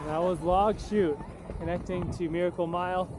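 A man's voice: sits high, steady tone, normal speed. A young man casually narrating while skiing outdoors, easygoing and chatty with fillers, recorded on an action camera. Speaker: vlogger skiing with a friend. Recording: loud wind noise on the mic.

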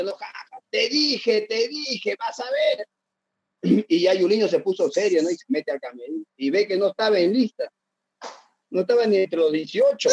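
A man, a former footballer, telling lively anecdotes on a video call, laughing and acting out what others said. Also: sits high, breathy edge, no echo, rough recording. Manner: animated, laughing, acts out others' lines. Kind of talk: casual storytelling.

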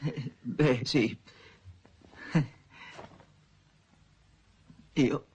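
An actor playing a sly, bumbling male burglar, middle-aged, who mutters and hushes to himself as he works. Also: mid-range voice, steady tone, extremely slow. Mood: evasive. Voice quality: mutters and hushes in a loud whisper. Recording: loud hiss from an old film soundtrack.

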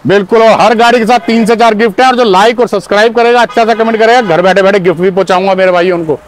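Wearing a clip-on lapel mic outside on a car lot, a middle-aged salesman with a fairly high voice rattles off a quick, punchy used-car pitch, calling listeners "my brothers" again and again. A little hiss or hum runs under the recording.

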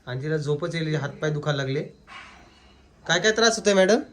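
A man, filming a casual family vlog and excitedly coaxing a child and a pet. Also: a little high, brisk. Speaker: family vlogger.

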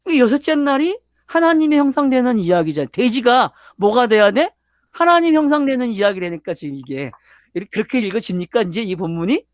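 Lively older male pastor lecturing. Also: very high-pitched, brisk, no room sound. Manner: questioning the audience, emphatic. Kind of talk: sermon lecture.

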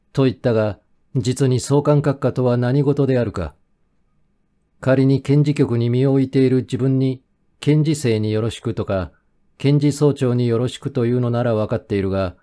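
Here a male narrator carries a first-person mystery audiobook with even, measured storytelling, his voice sitting in the middle range.

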